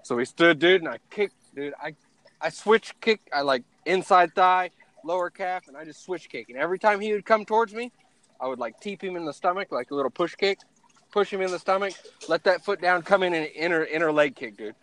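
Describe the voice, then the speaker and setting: Young male podcast host, loose and animated, cursing and laughing through fight stories. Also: high-pitched, brisk, dry recording. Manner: animated storyteller, swears freely, laughs often. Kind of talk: casual fight chat.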